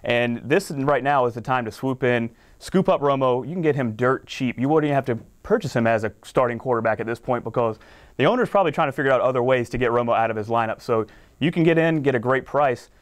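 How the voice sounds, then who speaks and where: A man rattles off fantasy sports advice at a quick clip, confident and analytical. His voice is smooth and clear, recorded in a studio. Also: medium pitch. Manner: confident, rapid analytical explanations.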